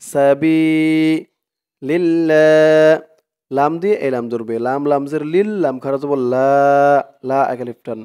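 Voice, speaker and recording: A man teaching Quran reading, slowly reciting verses and then explaining pronunciation in quick asides. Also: medium pitch, warm tone, smooth. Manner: slow drawn-out recitation alternating with quick explanations. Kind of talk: recitation lesson with call-and-repeat.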